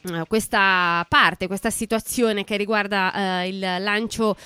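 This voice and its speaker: Woman hosting sports radio, really clean voice, dry studio sound, stretches and stresses words, halting. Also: mid-range voice, steady tone, pushed and bright, clean tone, no echo, soft background music. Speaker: radio show host. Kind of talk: live sports radio talk.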